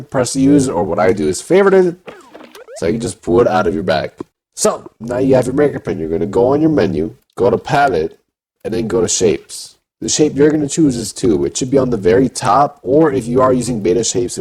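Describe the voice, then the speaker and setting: A man's voice: mid-range voice, a little mellow. A man talking through a voice changer, giving a casual step-by-step game tutorial. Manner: plain instructing with filler "you know".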